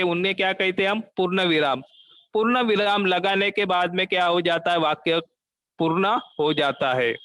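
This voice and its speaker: A male teacher working through an exam grammar lesson, asking questions and answering them himself, repeating the key terms slowly and deliberately. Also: high voice, pushed and bright, no echo, rough recording.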